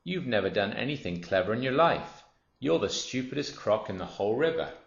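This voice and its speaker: A man's voice: on the low side, big pitch swings, brisk, vocal fry, voice pushed up. A man voicing a smaller crocodile in a children's storybook, blunt, disapproving and scornful, with emphatic scoffing delivery. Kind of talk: children's storybook character reading. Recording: roomy, dull lo-fi sound.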